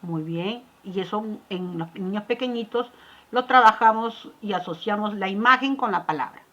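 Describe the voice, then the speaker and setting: A woman giving a lecture at a middle pitch, laying out ideas step by step. She poses questions and then answers them herself. Her talk is full of small tag questions and fillers. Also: normal speed, fairly bright tone, highs cut off. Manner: explanatory, asks and answers her own questions. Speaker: teacher. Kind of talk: lecture on language development.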